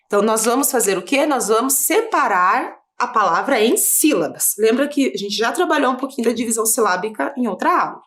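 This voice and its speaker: A woman's voice: a little high, animated, fairly quick, few pauses, a bit bright. A woman teacher with a Brazilian Portuguese accent, patiently explaining a video lesson for children step by step.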